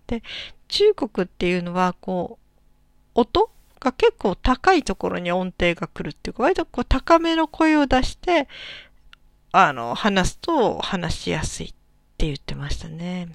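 A middle-aged woman hosting a casual solo talk show, musing gently and thinking aloud with many soft fillers. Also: on the low side, sing-song, unhurried, gravelly, no echo, studio quality. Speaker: solo podcast host.

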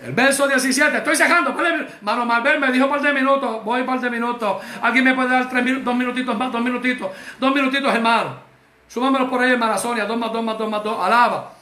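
A fervent male preacher, his voice sitting very high and ringing bright. He exhorts the congregation, keeps calling them beloved brother, and bursts into shouts. The sound carries the echo of a church room. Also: steady tone, quick pace. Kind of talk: sermon.

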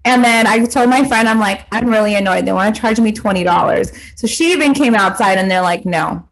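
A young woman from Southern California co-hosting a podcast, telling animated stories in casual chat with plenty of swearing and acted-out quotes. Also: medium pitch, brisk, rough recording. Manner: animated storytelling, profane, lots of quoted dialogue. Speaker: podcast co-host.

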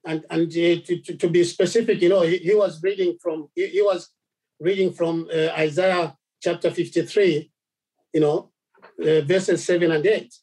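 A man from Zambia preaching a sermon, halting, with many repeated words and fillers. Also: fairly high pitch, steady tone, a little mellow, breathy edge, low-quality recording.

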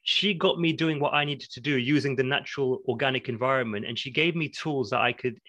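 A man's voice: medium pitch, a little fast, sharp tone, no echo. A man, a podcast guest speaking reflectively and at length, with light laughs as he explains ideas. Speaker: podcast guest, academic in learning development. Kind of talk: conversational interview.

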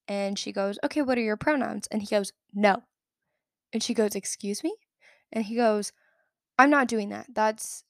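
A woman's voice: mid-range voice, no room sound, studio quality. A young woman hosting a casual solo podcast, telling a story in a chatty, rambling way and often correcting herself. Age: young adult. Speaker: podcast host.

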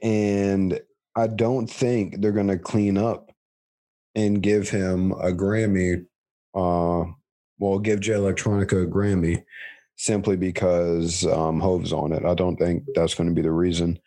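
A man's voice: sits low, flat delivery, a little slow, mellow. A man co-hosting a podcast in casual chat, reasoning aloud at length in a competitive way. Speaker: podcast co-host. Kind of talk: casual award-picks chat.

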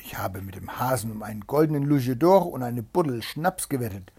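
A sly, stubborn little hedgehog with a gravelly, husky voice, as a man reads him out. He talks in a blunt, bossy way and always has a trick up his sleeve. The delivery swings up and down with life. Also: mid-range voice, lively intonation, brisk, mellow. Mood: gruff.

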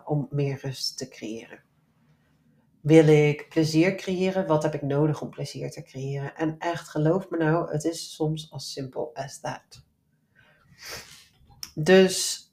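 A woman's voice: low-pitched, darkish tone. A young adult woman hosting a solo podcast as a life coach, talking in an earnest, encouraging and direct way. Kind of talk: casual solo podcast monologue.

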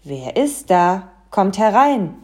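A woman's voice: mid-range voice, big pitch swings, slow pace. Woman voicing a hearty old Weihnachtsmann. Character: friendly, booming old Santa Claus. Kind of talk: storybook reading.

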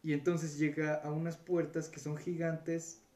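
A man's voice: on the high side, flat delivery, a little slow, warm tone. A man telling a story in casual, rambling chat, full of slang and filler words. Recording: roomy echo with faint background noise.

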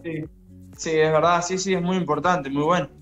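A man's voice: a little high, fairly even intonation, normal speed, a bit bright, faint music behind. A young man, a singer and guest, talking in a shy but earnest way in a casual interview. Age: young adult.

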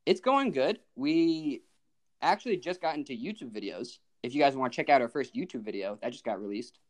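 A man's voice: medium pitch, lively intonation, fairly quick. A young man in his twenties hosting a casual podcast and greeting his guests in a friendly, upbeat way. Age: 20s. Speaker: podcast host.

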